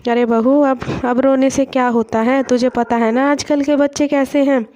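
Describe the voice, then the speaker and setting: Older village mother-in-law, voiced by a woman, complaining and scolding; high and mellow, slightly muffled. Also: level tone, normal speed, lightly acted.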